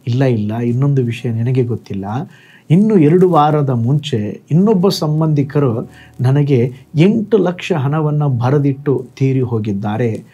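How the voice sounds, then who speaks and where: A man's voice: mid-range voice, lively intonation, a little slow, dark tone, slightly rough, dull audio. A man doing a weeping adult friend. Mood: plaintive. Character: weeping man grieving lost windfalls, adult.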